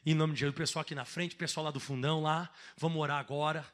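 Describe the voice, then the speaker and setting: Bright, high-voiced Brazilian preacher. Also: male voice, fairly even intonation, fast. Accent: Brazilian Portuguese. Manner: emphatic preaching, swings between shouting and quiet. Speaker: pastor. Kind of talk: sermon.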